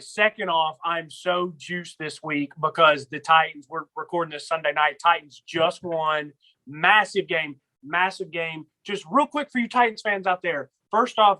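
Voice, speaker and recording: Hyped, bright-voiced frat-bro guy. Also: on the high side, rough recording. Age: 30s. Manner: hyped frat-bro sports fan talk. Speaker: podcast co-host. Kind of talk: casual sports podcast chat.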